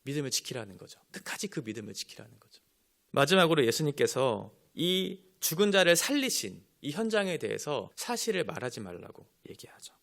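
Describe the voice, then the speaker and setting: Male pastor, expository sermon; lively pitch, slightly high. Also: brisk, vocal fry. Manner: expository preaching, explaining scripture point by point; voice rises when quoting Jesus' words. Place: church.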